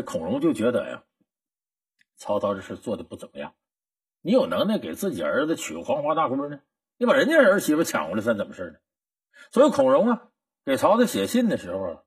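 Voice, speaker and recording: Husky, animated male storyteller. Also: fairly high pitch. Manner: folksy, chatty, talks straight to the listener. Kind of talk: colloquial historical storytelling with moral lesson.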